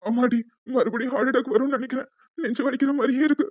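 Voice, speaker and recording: A woman's voice: high-pitched, fairly even intonation, fast talker, dry recording, phone-quality sound, pitched below the performer's own voice. A woman voicing an ailing old father who weakly pleads with his daughter about chest pain. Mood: pleading. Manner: weak, pleading.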